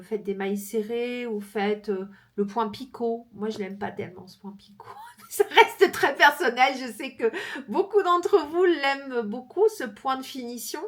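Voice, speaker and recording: A woman's voice: fairly high pitch, fairly bright tone. Chatty woman vlogger with fillers. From France. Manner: chatty, laughs easily, many fillers. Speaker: crochet vlogger. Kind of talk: casual chat showing books.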